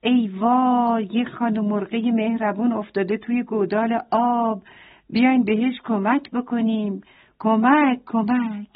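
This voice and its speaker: A woman's voice: a little high, steady tone, close to an everyday voice. A woman voicing a kind, frightened mother hen in a children's story, calling out frantically. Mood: frantic. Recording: tinny phone-like sound.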